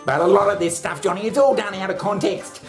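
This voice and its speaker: A man's voice: high-pitched, quick pace. A man on a casual comic rant, blunt and sweary, full of fillers and chuckles. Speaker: commentator on the show. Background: music.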